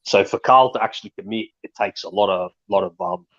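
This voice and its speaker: Fast, husky Australian man talking street slang. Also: fairly low pitch, fairly bright tone. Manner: Australian street slang, bro-heavy, repeats himself emphatically. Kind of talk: casual group chat. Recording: dull lo-fi audio.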